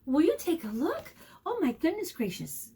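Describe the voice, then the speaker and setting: Reading a picture book to young children, a woman teacher leads storytime and a vocabulary lesson, drawing out key words, questioning her listeners, and speaking with expressive encouragement. Her extremely high, mellow voice swoops wildly in pitch at a moderate pace.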